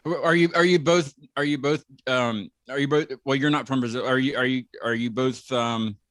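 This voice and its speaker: A man's voice: medium pitch, fairly even intonation, moderate pace, a bit bright, dry recording. A man hosting a casual interview, rambling and repeating words as he searches for what to say. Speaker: podcast host.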